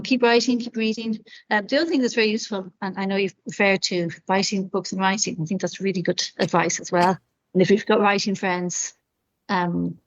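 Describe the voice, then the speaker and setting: A middle-aged woman author, appearing as an interview guest on a video call, offers friendly, encouraging writing advice peppered with lots of "you know." Her voice sits at medium pitch, and the highs are cut off.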